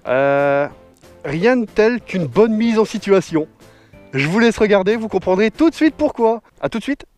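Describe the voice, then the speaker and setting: A thirty-something motorbike vlogger from northern France jokes through a casual outdoor Q&A with viewers, full of slang. He speaks at a normal speed in a high, sing-song, slightly mellow voice, with faint music behind on the action camera mic.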